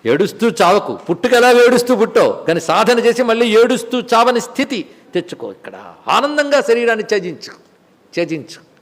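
A spiritual teacher gives a Bhagavad Gita discourse, explaining scripture verses by repeating key words and posing rhetorical questions. His voice is very high with lively intonation, a little fast, and trails a long reverb.

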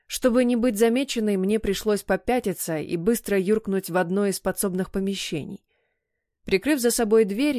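A woman narrates an audiobook from a script, telling the story in a measured, even way. Her voice sits in the mid range, and the recording is dry and studio quality.

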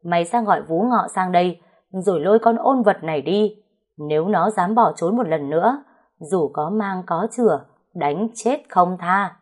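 A woman voicing a harsh old male family patriarch who scolds slowly and threateningly. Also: sits high, a little mellow. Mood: furious.

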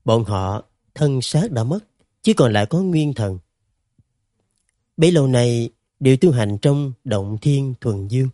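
Guy reading a fantasy novel aloud, super animated, dark warm tone. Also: medium pitch, measured pace, no echo, studio quality. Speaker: audiobook narrator. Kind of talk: dramatic storytelling narration.

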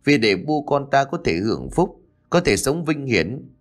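A man's voice: mid-range voice, sing-song, a little slow, voice pushed up. A man voicing an ambitious young official who coaxes and insists. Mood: pleading.

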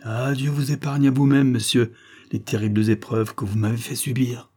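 A man's voice: mid-range voice, level tone, moderate pace, a little mellow, lightly acted. A man reading the part of an accused young woman, speaking faintly and defiantly under strain. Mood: wounded defiance.

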